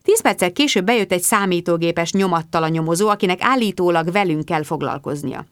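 A woman narrates a first-person story with lively expression. Her voice sits low. The recording is dry, with no room sound. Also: clear, resonant tone, dry recording. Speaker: audiobook reader.

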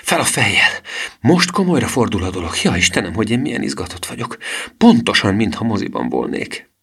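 An excitable little girl chattering eagerly in a storybook, as a man reading aloud puts her on. The voice rises only a little above the reader's own deep tone and stays lively in pitch. Her talk comes in quick, eager bursts. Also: creaky, slightly rough, full character voice. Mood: excited.

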